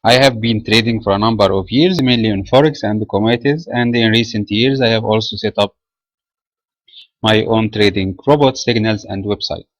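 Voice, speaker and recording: A man from Egypt, a trading trainer, reading a market commentary webinar from a script in a measured way with small filler pauses. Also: on the low side, dry recording, rough recording.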